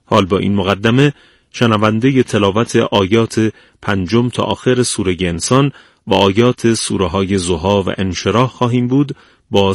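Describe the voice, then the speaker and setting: A man presenting a religious radio program, reading a scripted explanation in a calm, measured way. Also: lowish voice, vocal fry, no echo, studio quality.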